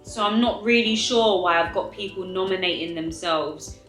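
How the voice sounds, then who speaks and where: A young woman telling a story to viewers in a casual, animated, emphatic way, with exasperated rhetorical questions and drawn-out words. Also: medium pitch, reverberant, faint music behind, poor audio. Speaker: storytime vlogger eating on camera.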